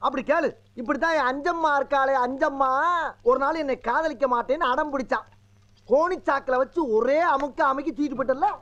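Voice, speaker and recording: A man's voice: extremely high pitch, a little fast, a bit bright, lo-fi sound. An actor playing a boastful, lovesick village man in a film comedy scene, talking in exclamatory, rambling banter.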